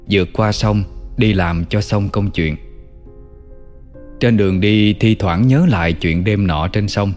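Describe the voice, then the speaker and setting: Male storyteller, low calm voice, long reverb, soft music behind. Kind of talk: storytelling narration.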